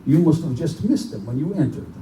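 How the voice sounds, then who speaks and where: In a bookstore's live horror drama, a man lightly acts the part of a pompous, genteel general who hunts men for sport, projecting smug menace in an urbane, condescending way. His slightly high, dark-toned voice moves briskly with lively intonation. The recording sounds distant, echoey, and noisy, as in a live room.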